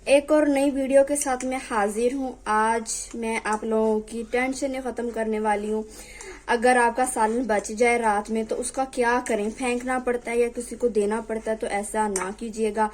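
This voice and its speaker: A young woman with a voice on the high side and a steady tone hosts a home cooking tutorial in her kitchen at a moderate pace. She chats while cooking, sometimes drifting off-mic, and pleads with viewers to subscribe. The low-quality recording carries a little hiss or hum.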